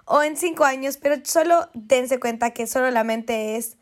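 A woman's voice: high voice, normal speed. A young woman co-hosting a podcast in casual chat, chatty and dropping English slang into her talk. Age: young adult. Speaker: podcast co-host.

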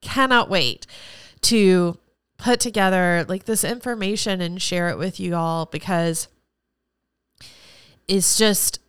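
A woman's voice: on the low side, fairly even intonation, slow pace, pauses often, clear, resonant tone, dry recording, studio quality. A woman hosting her own podcast, talking alone in an effusive, rambling and emotional way. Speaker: podcast host; former teacher. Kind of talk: solo podcast monologue.

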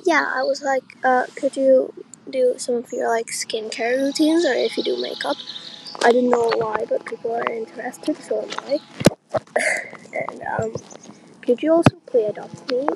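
A woman records a casual voice message in a deliberately disguised voice, altering her own tone. Her voice sits a little high with a gravelly creak, and she speaks slowly. Clear background noise runs under the message. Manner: self-disguised altered voice, put on without a device. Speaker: listener leaving a voice message.

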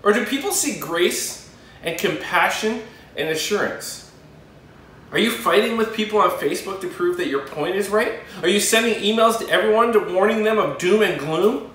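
A male pastor giving a sermon with earnest, emphatic pauses. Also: sits high, expressive, fairly bright tone, a little hiss or hum. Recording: very echoey room, voice from a distance.

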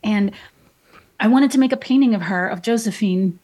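The guest is a woman in her thirties, a painter, chatting through stories in a casual interview. Her warm, medium-pitched voice moves at a moderate pace, with plenty of fillers and restarts.

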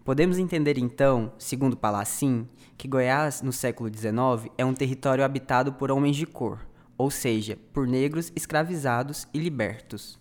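Guy reading a history podcast script, clear and teachy, normal pitch. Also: moderate pace. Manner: clear, didactic, addresses listener directly. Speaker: podcast host and narrator. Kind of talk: scripted narration.

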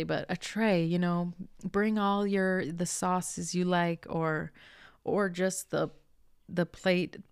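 A young adult woman hosting a podcast, talking casually and earnestly about simple joys, sometimes dropping into a soft whisper and swearing lightly. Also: fairly low pitch, creaky, smooth, no echo, studio quality. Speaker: podcast host, spiritual coach. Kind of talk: casual motivational monologue.

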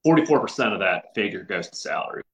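A man's voice: on the low side, expressive, quick pace, crowd noise, rough recording. A man as a podcast guest, talking earnestly in casual conversation with frequent restarts and filler words.

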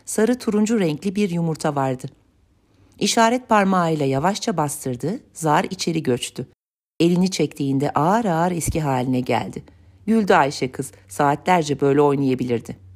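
A woman narrating a storybook tale in an even, measured reading voice. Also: deep voice.

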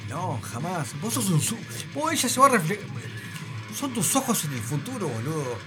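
A man's voice: high voice, sing-song, normal speed, over music. A man hosting a radio show, telling a story in a rambling, emphatic way with lots of filler words. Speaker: radio host. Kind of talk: casual radio banter.

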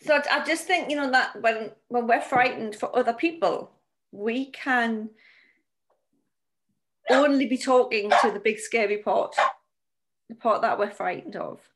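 A woman co-hosting a casual podcast, speaking in a gentle, reflective way. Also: a little high, a little slow, pauses often. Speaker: co-host and coach.

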